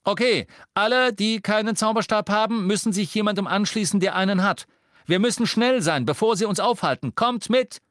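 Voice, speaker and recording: A man voicing a teenage boy wizard who gives loud, urgent commands. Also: a little high, animated, normal speed, hardly any pauses, no echo, studio quality, voice pushed up, close to an everyday voice. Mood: commanding.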